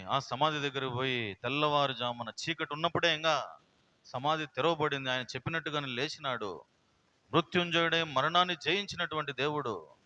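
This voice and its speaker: A male pastor preaches a sermon with feeling, moving between loud and soft and asking many rhetorical questions. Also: fairly high pitch, dull audio.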